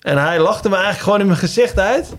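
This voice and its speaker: Chatty shopkeeper telling a story. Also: male voice, high-pitched, quick pace. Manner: lively anecdote telling with many fillers. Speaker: menswear shop owner, podcast guest. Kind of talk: casual storytelling chat.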